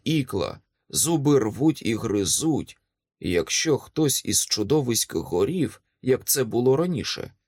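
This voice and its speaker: A man reading a fantasy audiobook aloud in dramatic first-person narration, telling the action vividly and slowing for the tense beats. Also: medium pitch, a little mellow, no room sound, clean studio sound.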